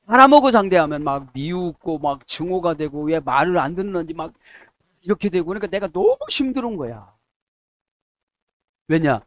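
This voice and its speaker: A middle-aged man preaching a sermon as a pastor, checking in with his listeners and acting out quoted prayers in a softer, lower voice. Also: sing-song, moderate pace, dry recording. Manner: asks the congregation "에?" to check agreement.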